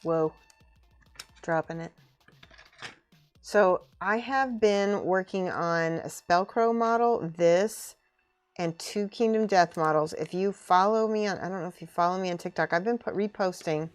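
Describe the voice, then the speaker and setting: A woman with a slightly low voice talks casually to her live-stream viewers while she works with her hands. She thinks aloud in loose, informal remarks, often half muttering to herself. Music plays softly behind her. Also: unhurried, no room sound. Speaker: streamer building and painting miniature models.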